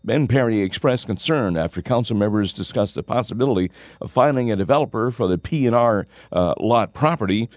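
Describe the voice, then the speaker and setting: A male news anchor reads scripted radio stories in a lowish voice. The sound is dry and close, as in a studio. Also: expressive, fairly quick, darkish tone, dry recording.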